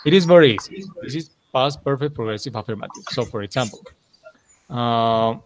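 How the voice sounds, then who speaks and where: A man's voice: mid-range voice, normal speed, a little hiss or hum. A man teaching a grammar class, explaining rules patiently, repeating key points and often checking that his students follow. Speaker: English teacher.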